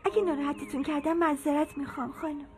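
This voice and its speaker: A woman's voice: high-pitched, fairly even intonation, close to an everyday voice. A woman dubbing a shy, humble young servant girl in a film, speaking timidly and politely over faint music. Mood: curious. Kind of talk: dubbed film dialogue.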